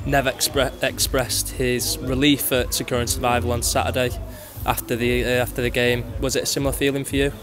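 Male club interviewer, even and monotone, music clearly audible in the background. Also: medium pitch, a little fast, hardly any pauses. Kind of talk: post-match interview questions.

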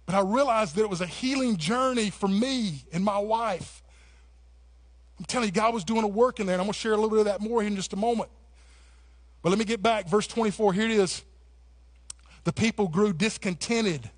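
A man with a rather high voice preaches in a church sanctuary. His delivery is passionate yet conversational. He restarts phrases and sprinkles in "man" as he speaks to his congregation. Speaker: pastor. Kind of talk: sermon.

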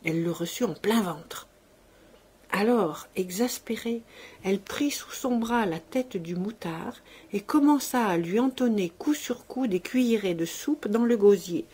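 Husky-voiced woman reading a story. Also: mid-range voice, a little slow. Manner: expressive, dramatic reading. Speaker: narrator.

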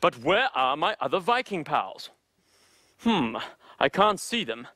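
A big eager Viking for kids' television. He booms in a high, swooping voice and takes his time over every word, theatrical and a bit slow-witted. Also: sing-song, bright, forceful tone, no room sound, heavily acted. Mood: booming, searching. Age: young adult. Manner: booming, exaggerated Viking delivery, theatrical. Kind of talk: children's television musical skit.

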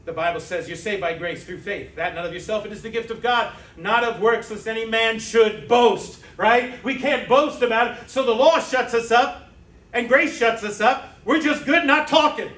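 A male preacher with a high, bright voice gives a sermon at normal speed, conversational in style and sprinkled with rhetorical asides. The pastor is recorded from a distance in an echoey church sanctuary.

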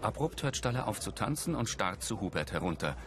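Over background music, a man reads a scripted audio description of a film, narrating scenes factually in the present tense. His voice sits on the low side with big pitch swings and a slightly fast pace.

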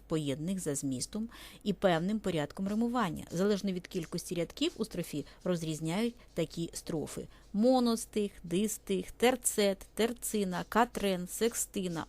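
A woman teacher talks students through a poetry lesson in a methodical, step-by-step way. She speaks straight to the class while narrating over a set of slides. Her voice sits at an ordinary middle pitch. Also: a little mellow. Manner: methodical, explanatory, addressing students directly.

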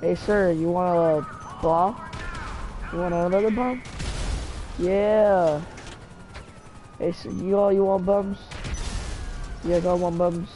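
Slow-talking gamer chatting over gameplay. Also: medium pitch, warm tone, a little hiss or hum. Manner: chatty, talks back to game characters. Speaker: gamer narrating own play. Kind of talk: casual gameplay commentary.

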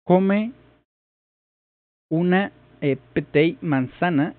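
Guy slowly puzzling stuff out loud, keeps repeating himself, kinda high voice. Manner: hesitant, repeats phrases while puzzling them out. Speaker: vlogger learning a language. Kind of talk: casual thinking-aloud commentary. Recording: tinny phone-like sound.

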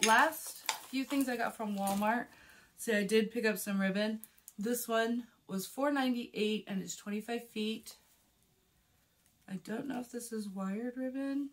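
In a casual haul video, a vlogger in her forties speaks in a chatty, friendly tone, her mid-range voice a little husky and hoarse since being sick. The setting is a small room with a plain wall, captured close-up by a phone camera with a clip or shotgun mic, with slight hiss or hum.

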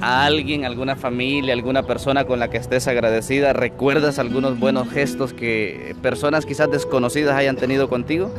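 Young male priest, measured and calm, street interview with music under it. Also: mid-range voice. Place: outdoors on a city street under trees. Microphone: lapel mic.

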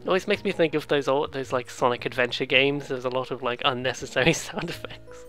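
Over faint background music, a let's play host rambles through casual, playful commentary on a video game, mimicking sounds and game lines. The voice is mid-range, brisk, and a bit bright.

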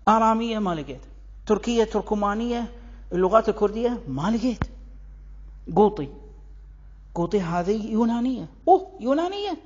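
A speaker with a Kuwaiti accent gives a lively explanatory monologue on where words come from, asking rhetorical questions and answering them. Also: mid-range voice, a little fast, pauses often, husky, highs cut off. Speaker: language commentator. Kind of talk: explanatory monologue on word origins.

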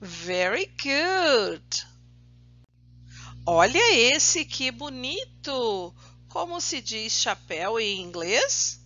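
Slow, bright-voiced woman teacher drilling words. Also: fairly high pitch, highs cut off. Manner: slow, drawn-out drilling of words, praising often. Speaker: primary school English teacher. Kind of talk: recorded remote English lesson for children.

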